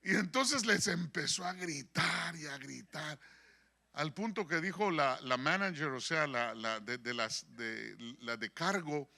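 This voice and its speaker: A man preaching a sermon as pastor, an animated storyteller who acts out quoted dialogue. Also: fairly high pitch, unhurried. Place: church in San Diego.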